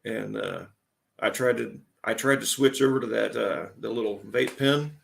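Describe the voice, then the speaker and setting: A man's voice: lowish voice, normal speed, creaky, a bit bright. A man in his forties hosting a casual live stream, chatting in a laid-back way and greeting viewers as they join. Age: 40s.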